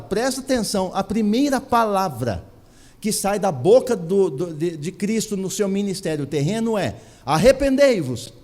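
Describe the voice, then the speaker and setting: High-voiced Brazilian pastor preaching emphatically. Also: male voice, darkish tone. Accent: Brazilian Portuguese. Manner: emphatic preaching, rhetorical questions, repeats phrases. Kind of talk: sermon. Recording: long hall reverb.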